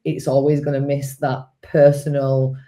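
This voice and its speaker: A woman answering interview questions in a measured, explanatory way, with a croaky voice from a cold. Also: a bass voice, level tone, warm tone. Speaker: guest, social media business owner.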